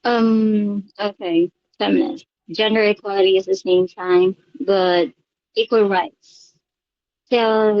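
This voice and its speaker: A woman's voice: fairly low pitch, no room sound, highs cut off. A woman from the Philippines answering interview questions, hesitant and thinking aloud with fillers.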